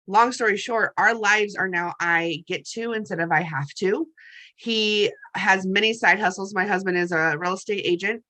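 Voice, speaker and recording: A woman's voice: mid-range voice, sharp tone. A middle-aged woman telling her own success story as a network marketing distributor, chatty and emphatic, often calling her listeners "you guys". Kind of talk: motivational testimonial talk.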